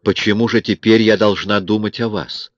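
A resentful young woman in a tight spot, sharp and reproachful, as a man reading the story puts her on. She sounds close and dry on a dull, lo-fi recording. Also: lowish voice, fairly even intonation, normal speed, no room sound, voice pushed up, close to an everyday voice. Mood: cold. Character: angry, selfish young woman in trouble.

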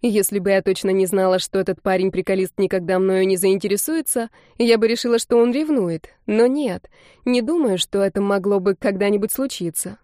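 A woman narrating a first-person novel aloud, giving the heroine's lines a playful, expressive delivery. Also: mid-range voice, fairly quick, no room sound, studio quality. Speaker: audiobook narrator. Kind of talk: first-person novel reading with voiced dialogue.

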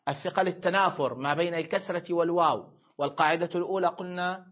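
Man, grammar teacher, higher voice, lingers on words, muffled lo-fi recording. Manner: explains step by step, asks and answers own questions; stretches words slowly when spelling out forms. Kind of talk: classroom lesson. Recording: dull lo-fi lecture recording.

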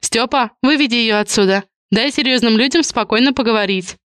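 An imperious middle-aged mother, voiced by a woman narrator in an audiobook. She speaks formally and bossily, a little above the reader's normal pitch. The recording is dry. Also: brisk, fairly bright tone, clear, resonant tone, dry recording, lightly acted. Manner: bossy, formal.

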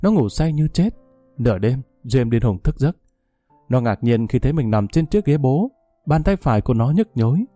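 Man, storyteller, mellow warm voice, dry close sound, faint music behind. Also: mid-range voice, animated, moderate pace, no echo. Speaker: narrator. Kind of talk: scripted story narration.

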